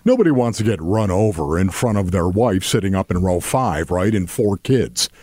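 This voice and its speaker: A man's voice: low voice, expressive, moderate pace, dark tone, no room sound. An American man giving conversational football analysis in a folksy, emphatic way, often repeating his phrases. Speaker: sports radio analyst.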